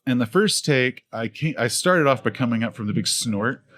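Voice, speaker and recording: A man's voice: mid-range voice, normal speed. Man telling stories animatedly in casual chat. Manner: animated storyteller who acts out quoted voices; frequent restarts and laughter. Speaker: podcast guest, video creator.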